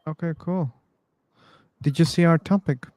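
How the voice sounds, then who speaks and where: A man hosts a casual live-stream discussion over a video call, speaking through a computer mic with no room sound. His voice is a little high and a little mellow, with a measured pace, and he chats idly, repeating words as he waits.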